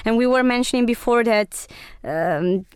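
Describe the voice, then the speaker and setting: Chatty high-voiced woman interviewer, clear tone. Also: measured pace, no echo, studio quality. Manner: chatty, encouraging. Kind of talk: casual conversational interview.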